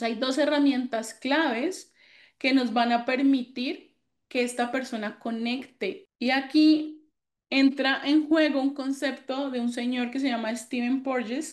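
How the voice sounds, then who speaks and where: High-voiced woman teaching online. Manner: explains with quoted examples, answers students by name. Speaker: psychological first aid instructor. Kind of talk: online class lecture.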